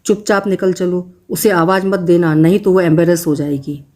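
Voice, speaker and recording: A woman's voice: lowish voice, steady tone, normal speed, a little mellow, natural voice. A woman reading the part of a dry, sardonic middle-aged husband in a story reading. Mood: wry.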